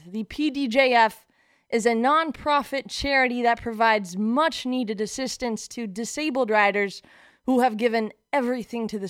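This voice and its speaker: A woman hosting a radio talk show from a studio, chatty and quick to laugh. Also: a little high, smooth, dry recording.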